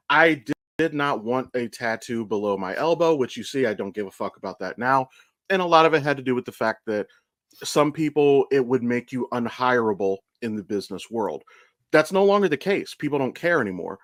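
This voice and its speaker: This Ohio-born American in his thirties hosts a casual conversational podcast, full of candid, rambling stories and frequent cursing. His mid-range voice carries lively intonation at a moderate pace, captured cleanly in the studio without echo.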